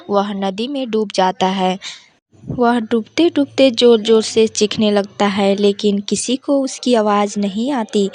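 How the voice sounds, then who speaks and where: A woman tells a devotional folk tale as a storyteller. Her narration is measured and deliberate, paced very slowly. Her pitch sits in the middle of the usual range. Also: darkish tone.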